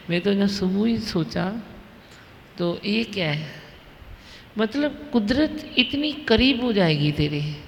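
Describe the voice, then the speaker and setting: A woman, a spiritual teacher telling a devotional story to an audience in a large hall, unhurried and vivid. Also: medium pitch, gravelly, a little hiss or hum. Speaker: spiritual teacher leading a satsang. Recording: long reverb of a hall.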